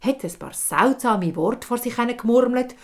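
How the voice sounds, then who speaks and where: A woman storyteller with a Swiss German accent, narrating a fairy tale in a calm, measured way. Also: a little high.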